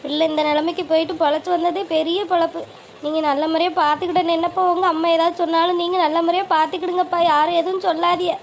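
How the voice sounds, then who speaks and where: A woman voicing a worried, tearful older village mother in an animated family drama, speaking. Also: very high voice, quick pace, gravelly. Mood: anxious pleading. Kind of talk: cartoon voice acting. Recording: faint ambient noise.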